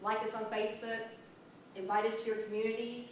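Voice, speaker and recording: A woman's voice: on the high side, level tone, a little fast. A woman in her late forties giving a chatty, enthusiastic conference presentation about a youth prevention program. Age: 40s. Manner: chatty, self-deprecating, enthusiastic. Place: conference room. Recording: echoey hall from far off, faint noise.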